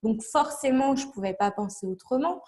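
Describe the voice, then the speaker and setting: Young woman, interview guest, slightly high mellow voice, chatty and rambling with fillers. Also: expressive, normal speed. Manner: chatty, many fillers and restarts, explains with examples. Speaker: interview guest, language learning blogger. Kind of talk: casual interview chat.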